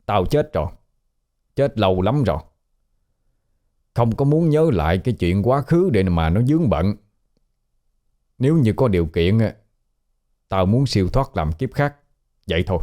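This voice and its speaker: A man's voice: on the low side, expressive, normal speed, pauses often, mellow, close to an everyday voice. A man voicing a coarse, teasing male ghost who has haunted a house for a century, talking in blunt slang.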